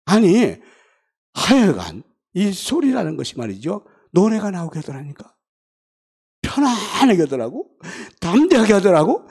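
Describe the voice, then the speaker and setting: Pastor, male. Gravelly, husky voice. Lively, animated sermon storytelling. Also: high-pitched, a little slow. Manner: animated storytelling, acting out friends' lines, swings from hushed to loud. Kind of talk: revival sermon with personal story. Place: church.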